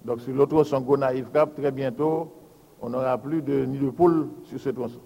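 A man, a public works official giving a formal budget presentation and reading out lists of figures in a measured, deliberate way. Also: mid-range voice, fairly even intonation, warm tone, dull audio, slight background noise. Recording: hall with long reverb.

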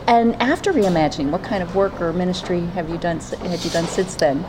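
A woman conducting an oral history interview, warmly affirming answers and asking questions. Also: lowish voice, brisk. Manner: encouraging, affirming. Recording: noisy background hiss.

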